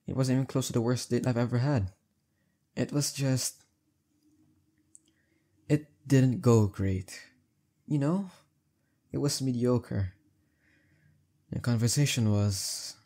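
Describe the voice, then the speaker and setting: Sounding awkward and let down, a young man in an intimate roleplay audio takes the part of a heartbreaker friend. He talks casually and haltingly at medium pitch, with emphasis and a gentle huskiness.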